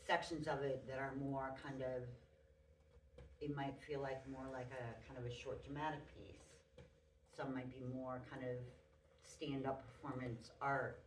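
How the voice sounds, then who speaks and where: A woman speaking on a playwrights' panel, chatty and halting, laughing now and then. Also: sits low. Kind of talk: panel discussion. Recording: roomy echo, far from the mic, faint noise.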